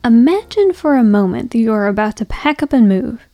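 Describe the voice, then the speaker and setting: A woman hosting a podcast, reading scripted narration in a measured, reflective way. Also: fairly high pitch, expressive, warm tone, soft background music. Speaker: podcast host.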